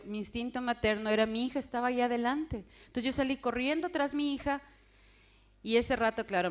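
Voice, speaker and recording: A woman telling her personal testimony as a vivid story, acting out the voices of the people in it. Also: mid-range voice. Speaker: testimony speaker.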